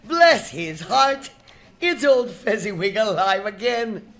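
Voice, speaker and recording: A woman's voice: medium pitch, lively intonation, slow, fairly bright tone. An older woman acting the old miser Scrooge in a live radio drama, shaken and wistful, swept up in memory. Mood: overjoyed. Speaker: actor playing the lead. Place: live stage performance.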